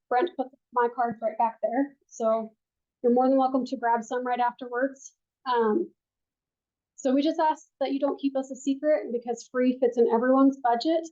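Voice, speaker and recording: A female financial advisor teaches a class, giving a classroom presentation to a full room in a quiet, gentle, soft-spoken manner with frequent ums. Her fairly high voice sounds mellow, and the room-mic recording is muffled and lo-fi.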